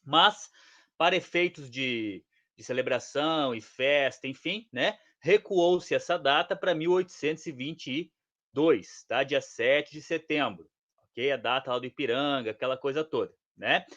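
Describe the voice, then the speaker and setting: A male history teacher explaining casually to his class and checking in with quick tag questions. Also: mid-range voice, a bit bright, lo-fi sound.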